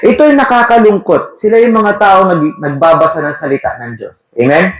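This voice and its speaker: Preaching at normal speed in a high voice, a man reads verses and asks his audience questions. His talk blends Tagalog with English terms, and the recording has an echoey room sound.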